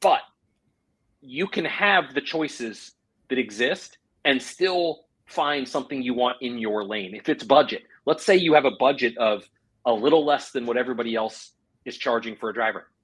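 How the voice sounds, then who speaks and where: A man's voice: mid-range voice, a bit bright, husky, poor audio. A man co-hosting a casual golf podcast, enthusiastic about equipment and teasing his co-host. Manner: teasing, enthusiastic, quick to joke.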